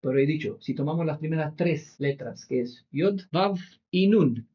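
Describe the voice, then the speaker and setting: A man's voice: a little high, normal speed, slightly rough, lo-fi sound. A man teaching a Bible study class in a room with a whiteboard. He explains step by step and keeps checking in with "¿vale?". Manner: explanatory, peppers sentences with "¿vale?".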